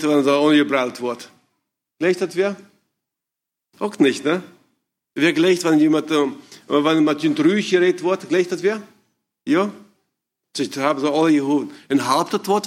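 A man with a slightly raised voice gives an informal talk to parents. He speaks haltingly, often restarting and searching for words. He keeps turning to his listeners with questions. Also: a little high.

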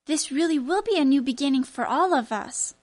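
A woman's voice: high-pitched, expressive, fairly quick, darkish tone. A woman voicing a timid, hopeful nine-year-old boy who sounds eager.

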